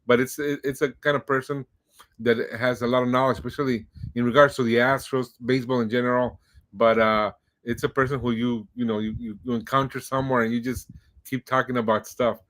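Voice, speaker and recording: A man's voice: mid-range voice, fairly even intonation, a little fast. Rambling middle-aged man hosting a podcast. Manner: warm-hearted, rambling, many fillers. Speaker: podcast host. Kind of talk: casual interview.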